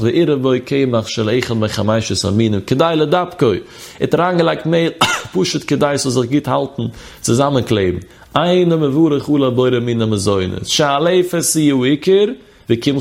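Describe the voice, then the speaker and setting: A man's voice: fairly high pitch, gravelly. Man in a sing-song study lesson. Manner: sing-song study chant, reading phrases then explaining. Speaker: religious teacher. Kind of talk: chanted text study lesson.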